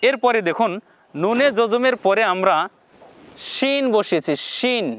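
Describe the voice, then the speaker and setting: A man teaching Quran recitation in a step-by-step lesson, slowly repeating syllables for viewers to copy and giving the Arabic sounds a heavy nasal tone. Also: extremely high pitch, animated, a bit bright, clean tone.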